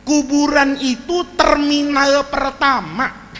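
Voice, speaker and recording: A man's voice: very high-pitched, takes it slowly. A man preaching a humorous sermon, telling stories with jokes and asides to the congregation. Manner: animated storytelling with jokes, frequent asides to the audience. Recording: reverberant hall, faint ambient noise.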